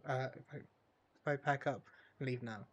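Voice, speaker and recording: A man reading out the lines of an earnest, stubborn young male mushroom seller in a video game, halting and full of fillers. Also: medium pitch, steady tone, lo-fi sound, lightly acted. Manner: halting read with many fillers.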